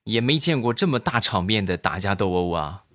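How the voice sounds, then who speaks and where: A man telling comic stories in an animated, chatty way. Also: on the low side, a little fast, heavy background noise. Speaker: comedian telling jokes. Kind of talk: comic storytelling.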